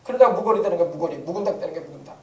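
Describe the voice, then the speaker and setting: A high-pitched middle-aged male pastor delivers a sermon in a folksy, joking manner, slipping into impressions of grumbling elders. He sounds a little distant from the microphone. The church room around him rings with echo. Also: expressive, very fast, heavy background noise. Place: church sanctuary.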